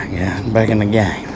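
A man giving laid-back, folksy commentary while fishing from a small boat on a lake, recorded on an action camera. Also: lowish voice. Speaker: fishing vlogger. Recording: loud outdoor wind and water noise. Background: outdoor water noise.

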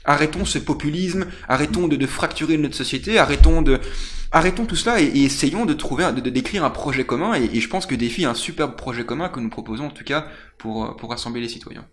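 A man's voice: fairly high pitch, quick pace, a bit bright. A young man answering a political interview earnestly, with frequent restarts, at a studio desk microphone. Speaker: political candidate. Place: small TV studio.

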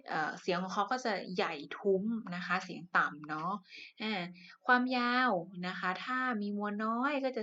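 A woman's voice: medium pitch, fairly bright tone. A woman teacher giving a science lesson to primary pupils, speaking patiently with polite phrase endings and frequent fillers. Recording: muffled lo-fi recording.

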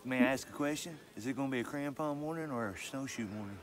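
A man's voice: mid-range voice, fast. A man, a fellow hiking vlogger, chatting good-humoredly outdoors at a snowy campsite in the morning. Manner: good-humored, laughs often. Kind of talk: casual morning chat at camp.

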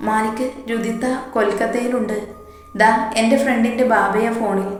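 Woman narrator as young woman, disbelieving, high pitched, echoey room. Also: fairly even intonation, moderate pace, soft background music, close to an everyday voice. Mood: astonished. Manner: disbelieving questions. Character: young woman, astonished friend.

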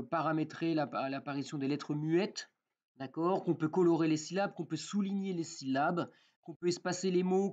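A man walking through a software tutorial in a casual way, with many fillers and frequent "d'accord?" check-ins. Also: a little high, lo-fi sound. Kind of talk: screen-recorded software tutorial.

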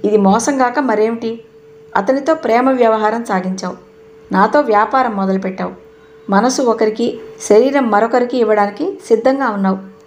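A woman's voice: on the high side, fairly quick, a little hiss or hum, lightly acted. A woman narrator voicing a stern, sarcastic young husband who fires accusing questions.

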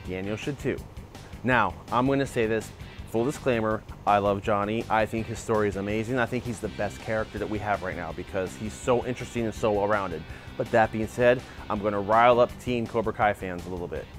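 A man's voice: lowish voice, brisk, faint music behind. A man in his forties, a martial arts channel host, gives opinionated commentary outdoors in a backyard on a lapel mic, talking animatedly. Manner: animated, gestures a lot while arguing a point. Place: outdoor backyard by a wooden fence.

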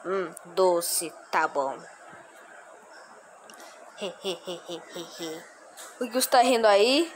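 A woman voicing a strict male schoolteacher who questions slowly and suspiciously. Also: on the low side, animated, a little hiss or hum, voice pushed down. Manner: slow, drawn-out questioning.

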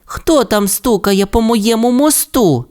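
A big friendly ankylosaur lady, bright and helpful, as a man voices her in an audio tale. Her voice rides higher than his own and moves lively. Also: slow pace. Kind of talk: storybook voice acting.

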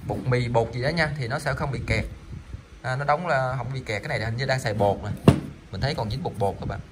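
A man's voice: mid-range voice, fast, heavy background noise. A man selling salvaged electronic parts online, chatting casually while demonstrating them, rambling with frequent fillers and repeated words. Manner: rambling, stammering, lots of fillers.

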